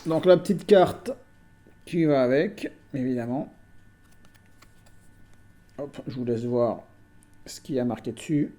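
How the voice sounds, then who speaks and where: A man's voice: mid-range voice, measured pace, pauses often, mellow. A man chatting casually at home as a collector vlogger, hesitant and talkative, with many fillers and restarts. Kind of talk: casual chat.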